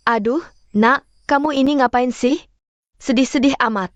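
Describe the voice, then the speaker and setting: A woman's voice: high voice, moderate pace, no echo, close to an everyday voice. An actress voicing a doting, chatty middle-aged mother who fusses over and coaxes her grown son, in a dubbed drama. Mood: coaxing. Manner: fussing, coaxing.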